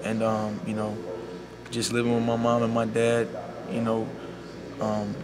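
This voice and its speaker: A young man, a college basketball player speaking softly and sincerely in a media scrum, leaning on "you know.". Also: on the low side, monotone, a little slow. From Bahamas. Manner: soft-spoken and heartfelt, full of "you know". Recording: loud background noise.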